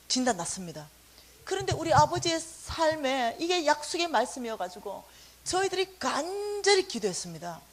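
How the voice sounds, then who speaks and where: A middle-aged woman giving a sermon testimony, telling her story with animation and acting out the dialogue. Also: high voice. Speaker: church lay teacher giving testimony.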